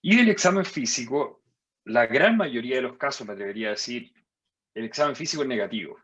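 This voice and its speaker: A man giving a medical lecture as a physician, measured and explanatory, jumping higher in pitch to stress key points. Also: lively intonation, fairly bright tone, husky. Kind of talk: medical lecture over slides.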